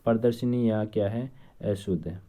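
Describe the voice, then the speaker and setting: A man's voice: on the low side, normal speed, dark tone. A man teaching an exam-prep spelling lesson, asking questions and answering them himself. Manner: drills students with repeated questions and answers.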